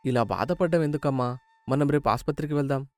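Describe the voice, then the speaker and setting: A man narrating an animated family story and voicing the grown sons in their dialogue, with an emotive manner. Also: mid-range voice, fast, dry recording. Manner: emotive, shifts between plain narration and dramatic dialogue. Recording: light background music.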